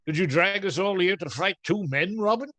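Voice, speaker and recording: An actor playing a loud, hot-tempered, blustering friar who laughs and grumbles in a radio play. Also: male voice, sits high, expressive, moderate pace, dry recording, heavily acted. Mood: indignant. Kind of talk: stage radio-play acting.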